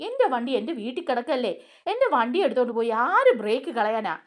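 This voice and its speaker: A woman's voice: a little high, sing-song, quick pace. A woman voicing a stern man from a serial who is scolding and questioning the others. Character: stern older brother figure, scolding.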